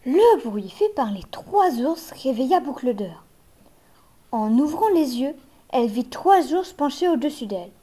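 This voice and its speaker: A woman reading a children's fairy tale aloud in a gentle, measured way. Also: sits high, sing-song, slightly rough. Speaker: narrator.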